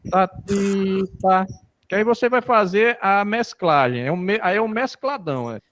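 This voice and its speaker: A man's voice: sits high, animated, moderate pace, fairly bright tone, no echo. A man on a video call sounding out beats with rhythm syllables while explaining a bar. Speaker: music lesson participant. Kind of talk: explaining in an online lesson.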